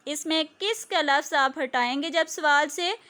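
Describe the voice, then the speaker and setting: A Pakistani woman teacher with a high voice leads a children's reading lesson. She talks at an unhurried, deliberate pace and says each key word twice, clearly and carefully. Her tone is patient and instructive. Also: sharp tone. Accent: Pakistani Urdu. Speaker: school teacher. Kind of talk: slow classroom reading lesson.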